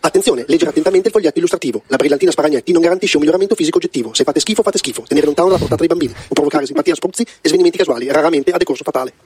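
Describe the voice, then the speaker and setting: A man playing a deadpan announcer reading the small print of a comedy advert. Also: a little high, very fast, few pauses, over music, natural voice. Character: deadpan rapid-fire advert disclaimer announcer.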